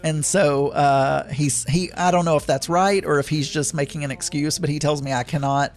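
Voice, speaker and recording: A man's voice: on the high side, steady tone, normal speed, soft background music. A man casually telling a story to his viewers, rambling with lots of fillers and restarts.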